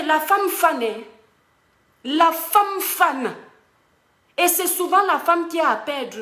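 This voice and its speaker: A woman's voice: high voice, pushed and bright, reverberant. A woman giving emphatic, preachy advice straight to her followers in a casual monologue. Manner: emphatic and preachy, addresses listeners directly. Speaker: online advice host.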